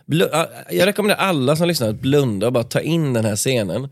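A man's voice: medium pitch, no room sound. A man co-hosting a podcast in a studio, chatting and reading a book passage aloud with dramatic pacing. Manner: storytelling, reads with dramatic pacing. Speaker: podcast co-host. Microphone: studio microphone.

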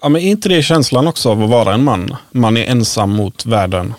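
A man hosting a casual podcast, asking probing questions with quick affirmations. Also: mid-range voice, no echo, clean studio sound. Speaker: podcast host.

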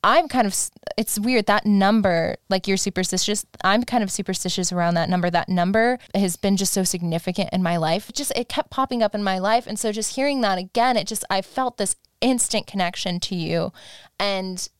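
A woman's voice: mid-range voice, fairly quick, smooth, no room sound, clean studio sound. A young adult woman speaking as an interview guest in a casual, confiding personal chat.

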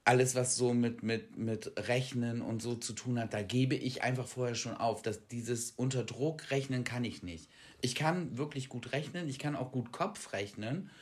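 A man co-hosting a casual chat podcast, telling stories in a lively way that swings between loud and quiet, with self-deprecating asides. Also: medium pitch, moderate pace. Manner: animated storytelling, jumps between loud and quiet. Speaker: podcast co-host.

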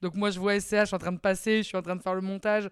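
A woman's voice: mid-range voice, flat delivery, very fast, clean tone, no room sound, studio quality. A woman co-hosting a podcast, chatting casually and finishing her partner's sentences. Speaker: podcast co-host. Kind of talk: casual chat.

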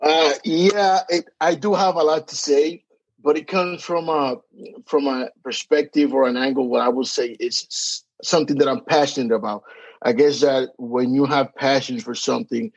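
In a dry, dull, lo-fi recording, a Dominican podcast guest who speaks Spanish talks casually in his Dominican accent, hesitantly, with plenty of fillers and restarts. His mid-range voice moves at normal speed with fairly even intonation.

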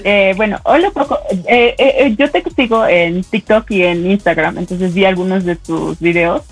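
A woman's voice: mid-range voice, normal speed, faint music behind, poor audio. Hesitant woman asking a question. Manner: hesitant, many fillers. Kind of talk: audience question.

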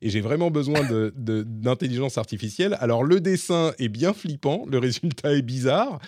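A man's voice: medium pitch, animated, normal speed, darkish tone, slight background noise. A man with a slightly hybrid French accent co-hosting a casual tech podcast, explaining with many fillers and restarts. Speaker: podcast co-host.

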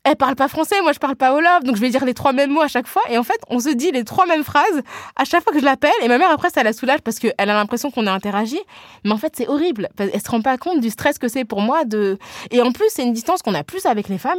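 A woman's voice: high-pitched, expressive, quick pace, no echo, clean studio sound. A young woman talking candidly in a casual chat, telling personal stories with many fillers.

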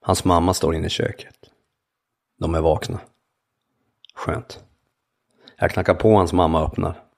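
A man narrating his own memoir in the first person, calm and measured in short sentences. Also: low-pitched, vocal fry.

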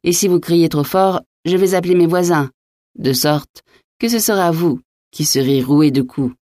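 A woman's voice: lowish voice, moderate pace, mellow, dry recording, pitched above the performer's own voice, lightly acted. A woman voicing a cool, mocking innkeeper. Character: impertinent, phlegmatic male innkeeper, mocking. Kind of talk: audiobook reading.

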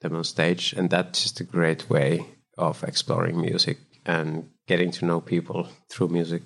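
Low gravelly Finnish man. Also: monotone, a bit bright. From Finland. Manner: thoughtful, measured, loose phrasing. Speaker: guest, startup founder and composer. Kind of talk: casual interview chat.

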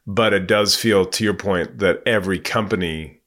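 A man's voice: deep voice, moderate pace, a bit bright. A man hosting a podcast who asks casual, rambling questions full of fillers. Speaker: podcast host. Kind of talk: conversational interview questions.

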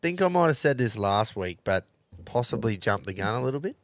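An Australian man hosts a casual sports podcast, chatting in a blokey, sweary way and doing sponsor reads. His mid-range voice is very animated and a little fast, with clean studio sound and no echo.

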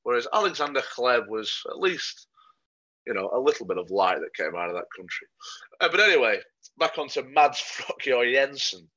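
A man's voice: medium pitch, very animated, moderate pace, sharp tone. A man co-hosting a football podcast, giving matter-of-fact opinions in a dry way with plenty of ums. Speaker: podcast co-host. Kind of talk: casual football podcast chat. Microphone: podcast microphone. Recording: muffled lo-fi sound.

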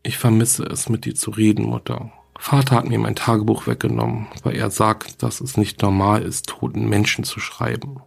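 A man reading as a lonely young girl who writes her diary to her dead mother, in a plain, quiet horror story reading. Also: on the low side, animated, moderate pace, creaky, few pauses, breathy edge, full character voice. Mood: fearful.

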